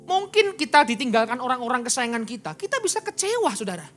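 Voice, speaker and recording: A man preaching a sermon as pastor in a church. He swings between loud and quiet and fires rhetorical questions at the congregation. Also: very high voice, sing-song, fast, faint music behind.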